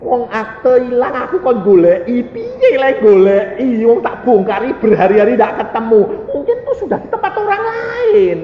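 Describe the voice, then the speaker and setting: A man's voice: extremely high pitch, wildly swooping pitch, moderate pace, hardly any pauses, slight background noise, pitched above the performer's own voice, full character voice. A man preaching plays a flustered old woman clerk with a Javanese accent, pleading and complaining. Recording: echoey hall, slightly dull sound.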